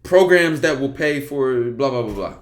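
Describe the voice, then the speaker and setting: A man hosts a live stream and takes call-ins, speaking at normal speed in an expressive, medium-pitched voice. His casual chat is blunt and loose, sprinkled with swearing and rhetorical questions.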